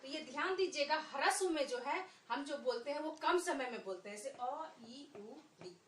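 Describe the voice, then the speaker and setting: A high-pitched woman teaches schoolchildren a lesson, speaking slowly and patiently and stretching out the vowel sounds she demonstrates. She sits a little back from the microphone, so her voice carries the echo of the room. A faint room hum lingers behind her. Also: a bit bright, far from the mic. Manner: slow, patient, repeats points and drawn-out vowel sounds. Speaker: Hindi teacher. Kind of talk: online Hindi lesson for children. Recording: echoey room, voice a bit off-mic.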